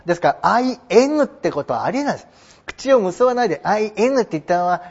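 A man explaining English vocabulary in a chatty lesson, slowing down to spell out words. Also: sits high, breathy edge. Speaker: English teacher. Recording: dull lo-fi recording.

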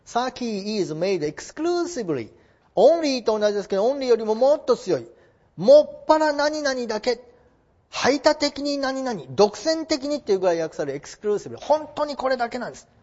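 A man teaching a lesson, explaining example sentences in a lively, coaxing way. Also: very high-pitched, normal speed, muffled recording. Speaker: English teacher. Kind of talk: lecture with read-aloud example sentences.

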